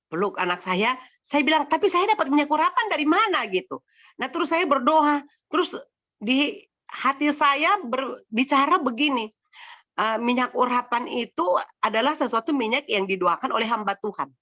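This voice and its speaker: A woman's voice: medium pitch, bright, forceful tone. A middle-aged woman giving a personal faith testimony to a congregation, telling it in a chatty, emotional way with many fillers.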